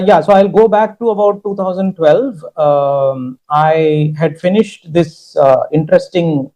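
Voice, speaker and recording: A man with a fairly high, warm and mellow voice talks as a guest at a summit. He tells stories and stacks up his points in quick lists, in a relaxed, conversational way. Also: poor audio. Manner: storytelling, emphatic lists. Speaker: guest speaker. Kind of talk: conversational interview talk.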